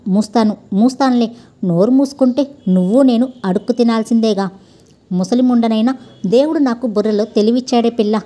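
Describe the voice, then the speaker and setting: A woman voicing a sharp-tongued old woman who nags and scorns in a storybook reading. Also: a little high, a little fast, natural voice. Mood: scolding. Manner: nagging, harsh, scornful.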